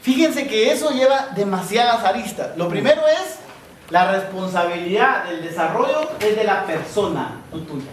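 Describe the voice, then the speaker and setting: Man, high animated voice, echoey hall, heard from afar. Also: normal speed, far from the mic, a little hiss or hum. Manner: asks the audience constant questions; acts out both sides of little scenes. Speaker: speaker at a university talk. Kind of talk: lively talk to students. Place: large hall with audience.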